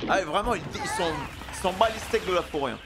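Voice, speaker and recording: A man's voice: sits high, expressive, fast talker, very noisy. A man in his thirties giving casual, slangy, mocking reaction commentary as a streamer. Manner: mocking, sarcastic. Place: indoor streaming setup. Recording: anime soundtrack music behind.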